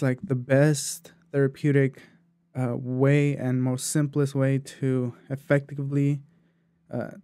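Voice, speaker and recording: A man's voice: medium pitch, mellow, no echo. A man hosting his own podcast, talking loosely and chattily with plenty of fillers while he eats a meal. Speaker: podcast host. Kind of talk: casual solo podcast talk.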